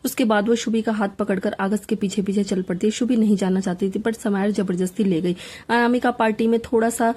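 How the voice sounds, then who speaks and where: A woman narrating a romance novel aloud in a dramatic, expressive reading. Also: medium pitch, fairly quick, slightly rough.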